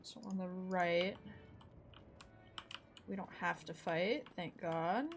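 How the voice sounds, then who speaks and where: A woman's voice: on the low side, takes it slowly, a little hiss or hum. Chatty young woman playing a game. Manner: chatty, amused asides. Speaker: gaming streamer. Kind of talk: casual game commentary.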